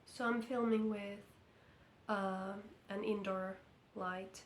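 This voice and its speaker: Hoarse from being sick, a Finnish woman gives a knitting vlog update in English with a Finnish accent, pacing herself slowly, carefully and with hesitation. Her mid-range voice has fairly even intonation, and the lamp-lit indoor room echoes a little over slight background noise.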